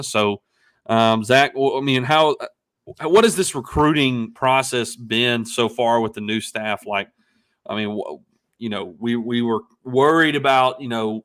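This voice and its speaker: Male host, loose and halting, fillers throughout, average pitch. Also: a bit bright, clear, resonant tone. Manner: halting, many fillers and restarts. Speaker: podcast host. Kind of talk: casual live-stream chat.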